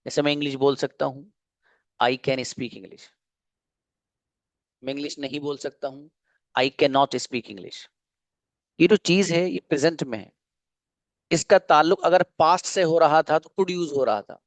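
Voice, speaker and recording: A man teaching English grammar in an online class, patiently explaining and repeating example sentences slowly. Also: a little high, no echo. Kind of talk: online grammar lesson in Hindi.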